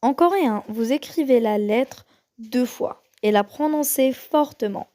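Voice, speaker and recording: Slow-talking woman teaching the Korean alphabet. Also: on the high side, mellow. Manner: slow, hesitant, with many pauses and fillers; repeats each sound slowly for the learner. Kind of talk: casual lesson on the Korean alphabet.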